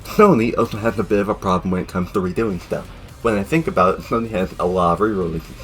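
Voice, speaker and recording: Young male fan reviewer, low voice, rambling jokey delivery, faint music underneath. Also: fast talker. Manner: jokey, rambling, sudden loud outbursts. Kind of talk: casual video review narration.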